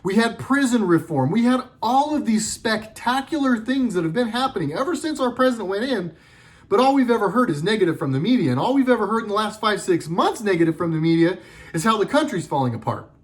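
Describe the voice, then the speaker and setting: A man's voice: high-pitched, very animated, quick pace. A middle-aged man delivering a sarcastic, heated political commentary monologue with lots of emphasis.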